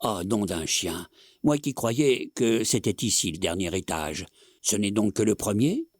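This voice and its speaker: A man's voice: lowish voice, animated, moderate pace, a little mellow, dry recording, clean studio sound. A man voicing a curt, hot-headed young man. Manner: curt, hissing.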